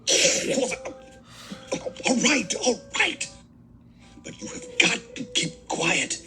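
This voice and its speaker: An urgent, hushed toy cowboy. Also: male voice, very high-pitched, wildly swooping pitch, slow pace, soft background music, full character voice. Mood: pleading.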